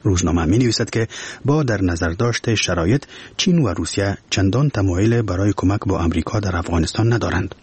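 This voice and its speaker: A man with an Afghan Dari accent reading a press review in a measured, formal newsreader style. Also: low-pitched, a little mellow, breathy edge. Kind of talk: scripted news reading. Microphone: studio microphone.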